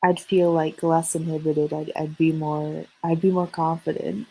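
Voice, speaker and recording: A woman with an American accent chatting casually on a livestream, halting and hesitant, in short broken phrases. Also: low voice, flat delivery, gravelly, warm tone, husky, rough recording.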